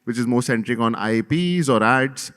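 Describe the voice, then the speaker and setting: Man pitching his company in a hall. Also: lively intonation, moderate pace, fairly bright tone. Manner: pitching, business-like. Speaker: company co-founder, panelist. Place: conference hall. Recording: reverberant conference hall.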